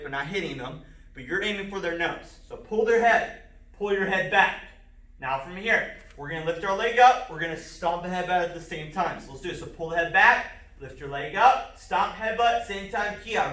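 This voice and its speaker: A man, a martial arts instructor, calling out self-defense moves step by step in an empty martial arts school, with sharp shouts on the strikes. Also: high-pitched, reverberant, recorded from a distance. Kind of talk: filmed self-defense lesson.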